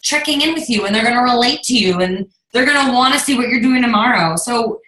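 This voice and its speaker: A woman coaching her team in casual talk, chatty and quick to chime in. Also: fairly high pitch, expressive, bright, forceful tone. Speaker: fitness coach. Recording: roomy echo.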